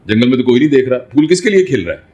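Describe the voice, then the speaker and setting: A man's voice: medium pitch, very animated, dark tone, slightly rough, highs cut off. A man who is a doctor, answering in an interview in a fatherly way, explaining through everyday examples and rhetorical questions. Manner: fatherly, addresses listener as son.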